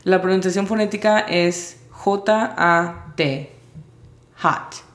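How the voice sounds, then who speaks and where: A woman teaching English vocabulary in Spanish, spelling out each word's sounds slowly and carefully. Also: fairly low pitch, steady tone, roomy sound. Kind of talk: vocabulary lesson.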